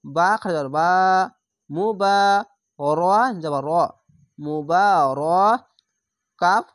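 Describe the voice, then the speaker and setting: A woman with a somewhat low voice teaches recitation, breaking every word into letters and vowel marks before joining them back up at a slow, patient pace. The recording is close and dry, with no room sound. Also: no room sound. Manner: spells each letter and vowel, then blends the word slowly. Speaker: Quran reading teacher. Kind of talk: slow spelled-out recitation lesson.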